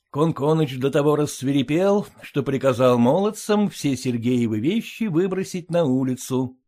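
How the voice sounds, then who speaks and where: A man's voice: a little high, mellow. A man reading a classic story aloud as narrator, voicing every part himself. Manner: storytelling, reading all the parts. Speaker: audiobook narrator.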